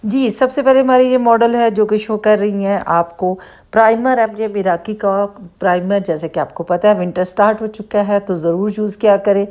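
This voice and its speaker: A woman's voice: mid-range voice, steady tone, normal speed, a little mellow. A woman with a Pakistani Urdu accent, a makeup artist who talks through each step of a bridal look in a chatty tutorial voice-over. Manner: chatty, explains each step as she goes.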